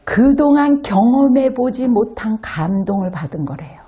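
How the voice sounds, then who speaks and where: Husky-voiced woman pastor preaching. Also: on the high side, normal speed. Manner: animated storytelling, acting out quotes; addresses the congregation directly with rhetorical questions. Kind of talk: sermon.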